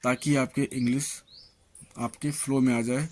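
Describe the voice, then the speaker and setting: A male English teacher reads through pronunciation lists at an unhurried, measured pace. He names each example word on its own before moving to the next. Between the lists he turns to his viewers with steady encouragement to keep practising. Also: medium pitch, a little hiss or hum. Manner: slow, listing words one by one. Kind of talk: reading out a pronunciation lesson.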